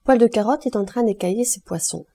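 A woman narrating a literary audiobook in a measured storytelling manner. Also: on the high side, dark tone. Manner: measured storytelling, lifts voice for quoted lines. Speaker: audiobook reader.

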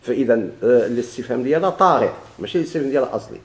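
A man with a Moroccan Arabic accent teaches grammar very fast in an expressive, medium-pitched voice, asking his students questions and supplying the answers himself. The room is echoey.

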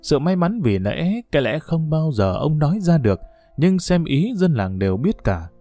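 A male audiobook narrator telling a somber village tale in a solemn, expressive manner. His voice is mellow and dark-toned with a lively, rising and falling pitch, recorded dry and close. Faint guitar music plays under the reading. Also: normal speed, no room sound. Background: soft guitar music.

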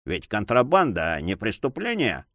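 A man voicing a hypocritical old judge who talks in a drawling, flattering, prim way. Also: lowish voice, moderate pace, dry recording, studio quality, full character voice. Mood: offended piety. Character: hypocritical old male judge, pious and fawning.

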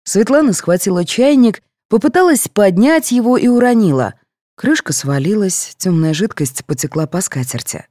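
Wry expressive woman narrating an audiobook. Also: medium pitch, normal speed, dry recording, studio quality. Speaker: audiobook reader. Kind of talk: first-person audiobook narration.

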